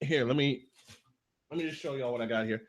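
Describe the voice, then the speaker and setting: A man hosting a live morning sports talk show, reading sponsor spots and chatting excitably while fumbling with his setup. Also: medium pitch, fairly quick.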